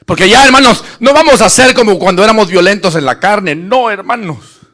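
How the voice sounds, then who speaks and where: A man preaching an animated sermon, shouting at peaks and acting out Bible scenes in voices. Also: high-pitched, fairly quick. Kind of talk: lively Spanish-language sermon.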